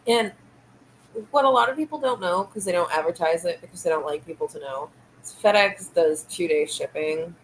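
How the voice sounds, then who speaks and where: A woman with a lowish voice talks at a normal speed, hosting a casual late-night livestream from a home room lit by fish tanks. She meanders and hesitates, full of fillers and trailing thoughts. The recording is rough, with a little hiss or hum.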